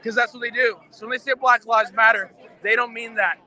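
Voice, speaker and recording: A man's voice: extremely high pitch, fairly even intonation, brisk. A man speaking emphatically at a street rally, his speech lisping from missing front teeth. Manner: emphatic, repetitive phrasing. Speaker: protest activist. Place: outdoors on a city street at a protest. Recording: outdoor street, loud crowd and traffic.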